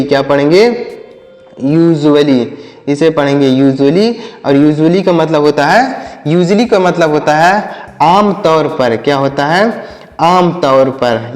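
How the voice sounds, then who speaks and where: A man with a fairly high voice teaches English words to children, spelling each one out letter by letter and asking them to repeat it. The sound is roomy and carries a long echo. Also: darkish tone. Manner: calls the children and asks them questions. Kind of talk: spelling and vocabulary lesson for children. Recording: echoey room with long reverb.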